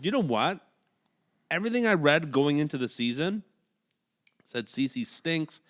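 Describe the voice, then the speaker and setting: Co-hosting a laid-back hockey podcast from home, this man has a fairly high, sing-song, somewhat bright voice. He reels off player stats quickly and laughs a lot between them.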